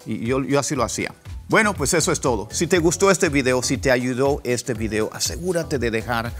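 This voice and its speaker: A man teaching an online pronunciation lesson, repeating words slowly for drill. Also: medium pitch, animated, a bit bright, soft background music. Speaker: English teacher.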